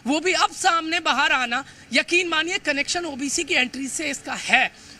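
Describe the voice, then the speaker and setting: A man reporting live for the news, emphatic and hurried, often stumbling over words and filling pauses. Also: very high voice, bright, forceful tone. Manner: fast, emphatic, with frequent stumbles and fillers. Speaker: field reporter.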